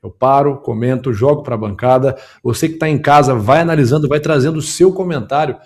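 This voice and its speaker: A man hosts a commentary show and talks fast with a mellow, dark tone. He breaks down video clips point by point, speaking emphatically to viewers and to his production team. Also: medium pitch. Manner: quick, emphatic, analytical, talks to the audience and production. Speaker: political commentator and show host.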